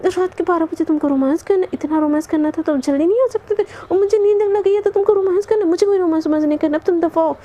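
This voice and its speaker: A woman's voice: very high voice, fast talker, few pauses. A woman voicing a sleepy, hot-tempered young woman student who scolds her partner, in a storybook love tale. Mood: angry. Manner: grumpy, scolding, sharp retorts.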